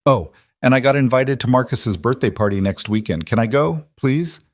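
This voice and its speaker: A man voices an eager, excited young boy, pitching his mid-range voice above his own natural one while staying close to an everyday sound. He speaks at normal speed in a dry, studio-quality recording.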